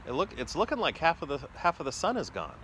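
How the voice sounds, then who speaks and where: A man's voice: fairly high pitch, huge pitch swings, fast talker, fairly bright tone. A man in his forties vlogging casually on a phone in a backyard, musing tentatively and often trailing off mid-thought. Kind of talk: casual vlog narration of watching the sky. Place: outdoors in a residential backyard. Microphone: phone held at arm's length. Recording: clear outdoor ambient noise.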